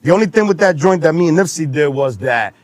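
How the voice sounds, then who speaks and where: A man, a rapper guest telling a story in casual, animated fashion and acting out what people said, with rough street slang. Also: fairly high pitch, fast, dry recording. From New York. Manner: animated, acts out quotes with shifting voices, profane street slang.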